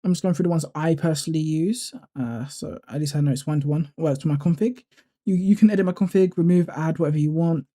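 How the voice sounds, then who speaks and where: Dark-voiced man narrating a screen recording. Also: a little high, quick pace. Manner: relaxed, thinking aloud with fillers and self-corrections. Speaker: YouTuber walking through a code editor setup. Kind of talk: casual screen-recording tutorial.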